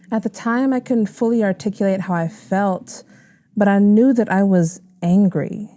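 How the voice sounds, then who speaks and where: A woman in her twenties from San Diego, an activist telling her story in an earnest, measured way. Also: mid-range voice, warm tone. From San Diego, USA. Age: 20s. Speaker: youth activist. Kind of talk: personal testimony interview.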